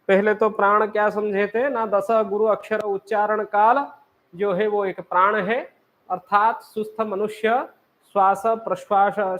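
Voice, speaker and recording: A man's voice: high voice, fairly bright tone. A man teaching a class, explaining step by step and asking and answering his own questions. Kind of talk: classroom lecture.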